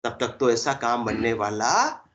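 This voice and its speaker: A man giving a spiritual discourse, explaining by asking and answering his own questions and drawing out verse lines slowly. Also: medium pitch, very animated, fairly bright tone. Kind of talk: Hindi satsang discourse. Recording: dull lo-fi recording.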